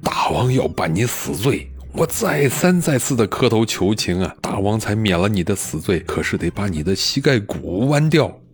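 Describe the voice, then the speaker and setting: A man voicing a scheming, two-faced ancient general in a storytelling recording, with honeyed speech that turns shrill. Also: very animated, normal speed, few pauses. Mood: false sympathy.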